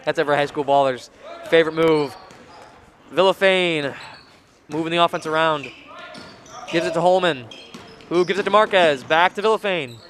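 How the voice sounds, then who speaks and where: A young man doing play-by-play commentary for a high school basketball game in a school gym, getting excited during fast plays. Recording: noisy gym recording.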